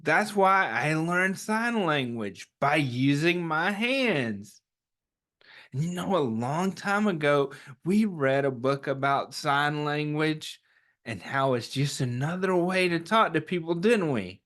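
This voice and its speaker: At a children's story time, a man reads aloud and talks with his young audience in an encouraging way, regularly asking a question and supplying the answer himself. His voice is fairly high, a bit bright, and expressive, and his pace is slow.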